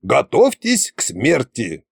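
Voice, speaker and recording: A man puts on a creaky, gloating storybook ghost, a furry ball of a creature full of boastful menace. He drags out his threats slowly, with a lively, swooping pitch, recorded close and dry. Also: no room sound, exaggerated voice. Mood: menacing.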